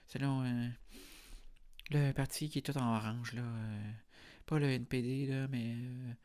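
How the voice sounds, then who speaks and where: A young man with a Quebec French accent, hosting a podcast as a deadpan mock interview, rambling with many hesitations. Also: medium pitch, smooth. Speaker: podcast host.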